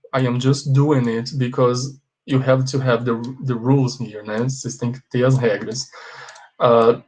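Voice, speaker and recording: A male English teacher with a Brazilian accent walks through grammar rules in an online lesson. He talks slowly and deliberately, with a somewhat husky voice. He keeps switching between English and Portuguese as he explains. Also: mid-range voice, darkish tone.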